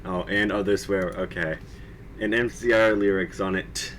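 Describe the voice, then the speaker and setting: A man's voice: deep voice, steady tone, normal speed, a bit bright, slight background noise, low-quality recording. A man reading fan fiction aloud on a live stream, with mocking asides, frequent laughter and swearing. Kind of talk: casual comedic dramatic reading.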